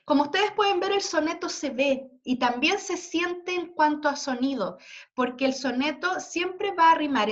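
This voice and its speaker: A woman's voice: sits high, fairly bright tone. A woman teacher giving a classroom lesson, patiently spelling out examples and checking understanding with frequent tag questions. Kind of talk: classroom lesson explaining poetry. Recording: dull lo-fi recording.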